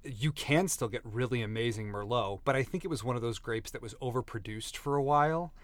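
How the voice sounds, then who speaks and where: A man's voice: mid-range voice, fairly quick, dry recording. Chatty man tasting wine, dry sound. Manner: relaxed, jokey, rambling with fillers. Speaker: podcast co-host tasting wine. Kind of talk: casual chat.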